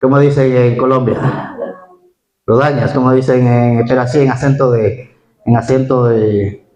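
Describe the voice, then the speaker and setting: A male pastor preaching a lively sermon, asking his congregation questions directly. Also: mid-range voice, normal speed, lo-fi sound. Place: church hall; Spain. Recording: echoey church hall.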